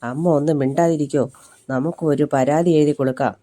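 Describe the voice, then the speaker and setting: A storyteller voicing a blunt, sharp-tongued older mother in a spoken story, with a scolding manner. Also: medium pitch, steady tone, a little fast, close to an everyday voice.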